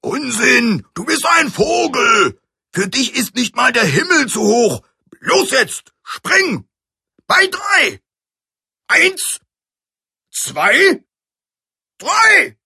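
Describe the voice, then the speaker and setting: A man voicing a sad old male alarm clock who is always late, speaking despondently with a husky, gravelly voice. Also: high-pitched, slow, no room sound, studio quality, heavily acted. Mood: urging. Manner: despondent, later urging loudly.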